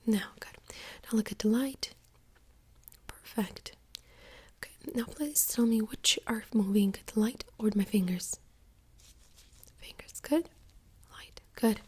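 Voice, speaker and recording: A woman doing a whispered role-play as a doctor in a soft-spoken ASMR exam, gently giving step-by-step instructions in a breathy whisper. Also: on the high side.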